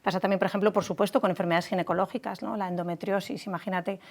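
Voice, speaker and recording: A woman doctor on a talk show, explaining in a measured way with some hesitant restarts. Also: mid-range voice, steady tone. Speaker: guest, doctor.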